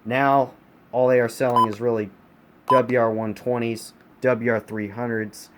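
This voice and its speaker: Off screen in a carpeted room at home, a man from the United States shows off his weather radio collection in a casual hobbyist review, hammering points by repeating words. He speaks in a mid-range, level voice, a little slowly. The noisy home recording comes from a handheld phone camera.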